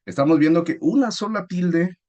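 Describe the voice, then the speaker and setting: A man's voice: fairly high pitch, normal speed, darkish tone, dull audio. A man teaching a spelling lesson, explaining patiently and asking his class questions.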